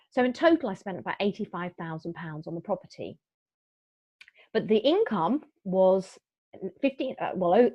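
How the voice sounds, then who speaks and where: A middle-aged woman's mid-range voice carries a chatty, upbeat property investment webinar, peppered with fillers and restarts. The recording is dry, dull and lo-fi.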